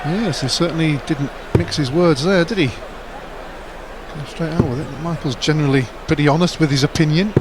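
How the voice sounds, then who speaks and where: A male darts co-commentator with a fairly high voice. He talks conversationally and explains as he goes, with clear arena noise in the background. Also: normal speed. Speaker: sports co-commentator. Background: noisy darts arena.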